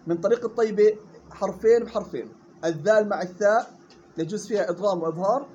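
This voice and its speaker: A man teaching Quran recitation rules. He models the words slowly and quizzes his students. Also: sits high, warm tone, lo-fi sound, slight background noise. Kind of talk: tajweed lesson.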